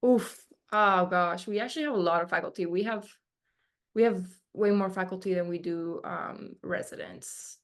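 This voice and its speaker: A woman in her twenties, a dermatology resident from Argentina, chats casually as an interview guest, using plenty of fillers. Her voice is on the low side and her pace is moderate.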